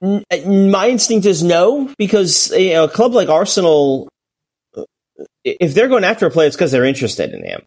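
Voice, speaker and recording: A man's voice: sits high, big pitch swings, normal speed, darkish tone. A man co-hosting a casual sports podcast, talking at length with frequent restarts and filler words. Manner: rambling, full of restarts and "you know". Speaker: podcast co-host. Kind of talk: casual chat.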